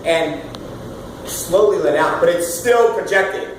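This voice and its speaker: A man in his thirties leading a casual singing workshop, loud and animated, swearing now and then and demonstrating sounds as he explains. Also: high voice, unhurried. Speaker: vocal coach. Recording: roomy, far from the mic, with room noise.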